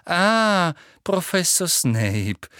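A man's voice: high-pitched, very animated, very slow, pushed and bright, smooth, no echo, clean studio sound, pitched above the performer's own voice, exaggerated voice. A man voicing a tyrannical older woman headmistress with a girlishly sweet voice that turns to shrieking. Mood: sugary.

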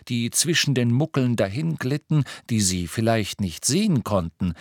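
A man narrating an audiobook with steady, measured storytelling. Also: mid-range voice, slightly rough, dry recording, clean studio sound. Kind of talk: scripted narration.

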